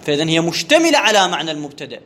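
High, lively male grammar teacher. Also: slight background noise. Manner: repeats himself and quizzes listeners with questions; stretches key words slowly for emphasis. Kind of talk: grammar lecture.

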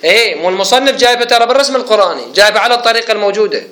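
A man teaches a grammar lesson to a room of students. His voice sits high and sounds bright and forceful, and the room gives it a strong echo. He explains each point and stops to quiz the class. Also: lively intonation, racing. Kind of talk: classroom lecture. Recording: echoey room.

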